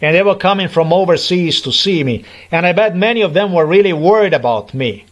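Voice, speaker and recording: A man's voice: high-pitched, lively intonation, brisk. A middle-aged man from Slovenia, delivering an aggrieved, repetitive personal monologue in English as a vlogger.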